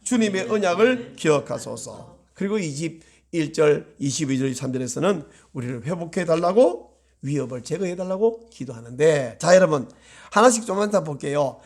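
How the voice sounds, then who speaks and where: A male pastor delivering a sermon in a high, gravelly voice. His pitch leaps and dips constantly as he presses his points. He acts out prayers, moving from raised urgency to hushed pleading. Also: normal speed. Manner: animated preaching, acts out prayers with swings from loud to hushed.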